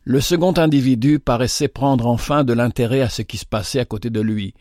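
A man narrating a novel aloud in a steady, measured reading. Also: medium pitch, no room sound, studio quality. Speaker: audiobook narrator. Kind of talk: scripted narration.

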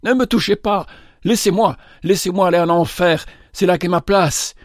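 A man voicing a drunk, despairing young woman in an audiobook; the voice is raspy and frantic. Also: high voice, normal speed, no echo, clean studio sound, pitched above the performer's own voice, natural voice. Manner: frantic shouting. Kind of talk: audiobook reading.

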